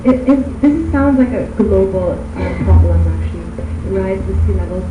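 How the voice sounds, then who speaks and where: A woman's voice: mid-range voice, animated, moderate pace. A woman putting formal questions to contestants as a pageant judge. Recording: distant, echoey, dull, noisy background.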